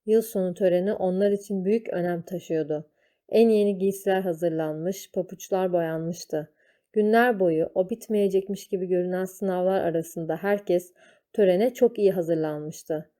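A woman reading a children's story aloud, slow and deliberate. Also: lowish voice, steady tone, warm tone.

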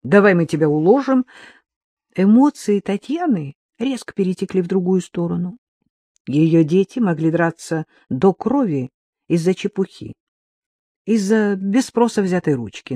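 Expressive female audiobook narrator, dry and close. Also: on the low side, a little slow, no room sound. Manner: expressive, lively reading.

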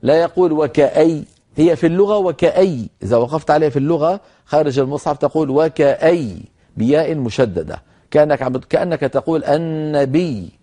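A man teaching Quran recitation rules in a broadcast lesson. He explains in a measured way, slowly models recited words, and addresses the listeners directly as brothers. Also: on the high side, mellow.

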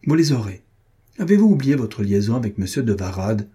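A man doing a cold cutting young lover, coolly reasoning, dark mellow voice, husky edge, novel read aloud. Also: on the low side, very animated, brisk. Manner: cool, cutting, coldly reasoning. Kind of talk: audiobook reading of a classic novel.

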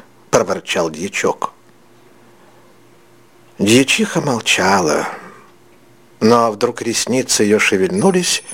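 A man narrating a classic story in a slow, expressive audiobook reading. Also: medium pitch.

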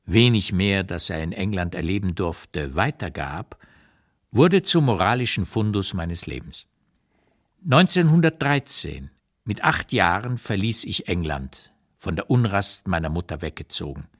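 Pitched fairly low this time, the male actor continues as the outspoken elderly émigré writer of the radio play, reflecting on the past in a measured, forceful literary monologue.

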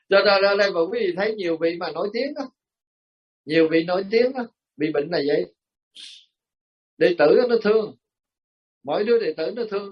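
A man's voice: sits high, breathy edge. A Buddhist monk with a Southern Vietnamese accent, giving a sermon as folksy storytelling with frequent chuckles, speaking directly to his listeners. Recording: muffled lo-fi recording.

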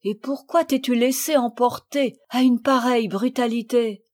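A dignified mother who speaks in a measured, severe way, stern but fair, voiced by a woman reading the story. Her voice stays fairly high and composed. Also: expressive, darkish tone, lightly acted.

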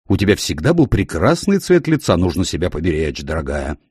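A man's voice: low voice, wildly swooping pitch, a little fast, darkish tone, husky, no echo, studio quality, exaggerated voice. A man voicing a fussy, doting older aunt. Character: fussing, caring older aunt.

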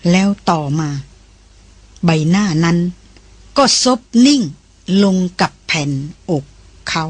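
A mid-pitched audiobook narrator with a husky, breathy grain, reading a novel in slow, drawn-out phrases. The delivery stays steady and measured throughout. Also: no room sound.

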